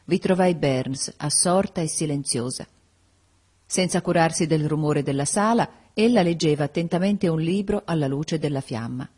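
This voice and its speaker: Low, husky woman reading a novel. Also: normal speed, a little mellow. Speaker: audiobook narrator. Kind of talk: audiobook narration of a classic novel.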